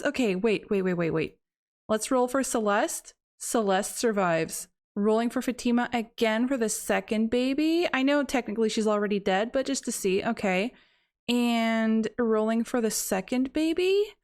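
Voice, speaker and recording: Expressive young woman commenting on gameplay. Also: on the high side. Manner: expressive, exclaiming, talks to the game characters. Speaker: gaming channel host.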